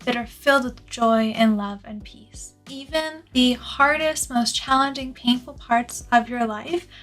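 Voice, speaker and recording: A woman's voice: fairly high pitch, unhurried, a bit bright, faint music behind. A woman giving scripted personal development advice to viewers in an earnest, articulate productivity YouTuber style, stressing key words. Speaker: self-improvement YouTuber.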